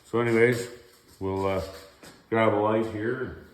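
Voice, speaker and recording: His son films on a handheld camera as a middle-aged man with a sore throat offers casual, folksy, filler-heavy how-to commentary in their home garage. He speaks in a lowish, fairly even voice at a slightly slow pace, in an echoey room with slight background noise.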